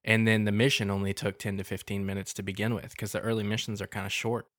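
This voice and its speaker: A man's voice: on the low side, quick pace, no room sound, clean studio sound. A man co-hosting a gaming podcast, talking casually with lots of ums and restarts. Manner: rambling, many ums and restarts, relaxed. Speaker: podcast co-host.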